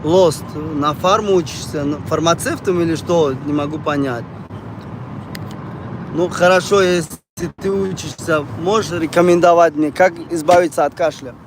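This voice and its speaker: Speaking at normal speed with a fairly high pitch, a Tajik man chats rambling and conversationally on a livestream, often repeating phrases. Street noise from outdoors or a car is heavy in the recording.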